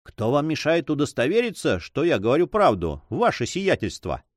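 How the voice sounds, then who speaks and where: A man's voice: fairly high pitch, wildly swooping pitch, normal speed, no room sound, studio quality. A man voicing a cold, calculating spy in an audiobook, coolly polite and deferential. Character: cold, calculating male spy, greedy for gold. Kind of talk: audiobook reading.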